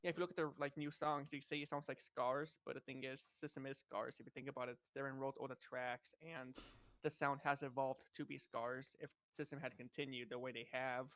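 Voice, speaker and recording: A man joins a casual podcast chat as a guest, speaking hesitantly with lots of fillers. His voice is gravelly and flat in pitch. The audio sounds dull and lo-fi. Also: a little fast, no echo.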